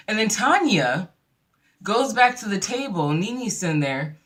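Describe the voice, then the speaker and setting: Bright, animated reality-TV recapper. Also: medium pitch, takes it slowly. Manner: animated storyteller who acts out quotes in voices; laughs easily while retelling. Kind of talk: casual episode recap.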